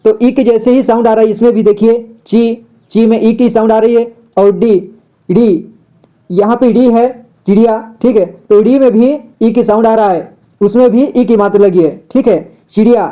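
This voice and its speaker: A man's voice: very high-pitched, fairly even intonation, normal speed, dark tone. A man teaching a step-by-step reading lesson, patient, repeating words and asking the viewer questions.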